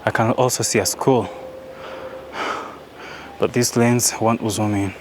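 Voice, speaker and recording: A man's voice: fairly low pitch, steady tone, slow pace, background noise. A man vlogging outdoors while hiking in hilly countryside, out of breath, chatty and slangy, filming on a handheld phone. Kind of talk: casual vlog narration while hiking.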